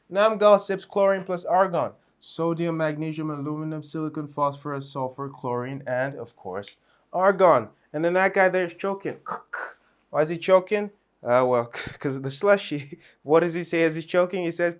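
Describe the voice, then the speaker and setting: A man's voice: fairly high pitch, clear, resonant tone. A man teaching a chemistry revision lesson in a playful, chatty way, with asides and small laughs.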